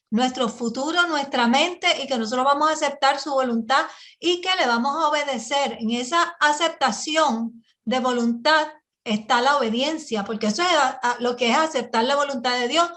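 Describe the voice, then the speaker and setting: A woman's voice: sits high, fairly bright tone. A woman teaching a Bible study sermon, often asking her listeners "right?" as she explains. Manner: teaching with frequent rhetorical "¿verdad?" and restarts.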